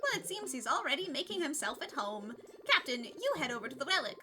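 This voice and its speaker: A woman reading the lines of an eager, friendly spaceship crew member in an earnest, excited way. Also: high voice, quick pace, over music.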